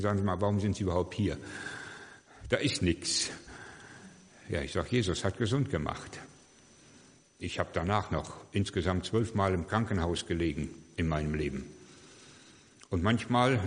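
An older man, a pastor, preaching a sermon and telling stories while acting out the voices of the people he quotes. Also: fairly low pitch. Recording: long hall reverb.

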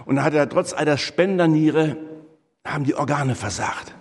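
A man's voice: on the high side, normal speed, long reverb tail. An older man preaching a sermon, telling a personal story full of quoted dialogue and fillers.

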